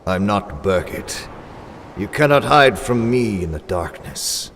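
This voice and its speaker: An actor playing a menacing, commanding invisible avenger in a 1940s-style radio drama, theatrical and ominous. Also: male voice, lowish voice, big pitch swings, slow pace, a bit bright, slight background noise, heavily acted.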